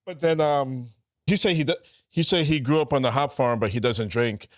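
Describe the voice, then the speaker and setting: A man's voice: medium pitch, moderate pace. A man from Brooklyn co-hosting a podcast, telling a story loosely with frequent laughs and swearing. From Brooklyn, New York. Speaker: podcast co-host. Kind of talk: casual storytelling chat.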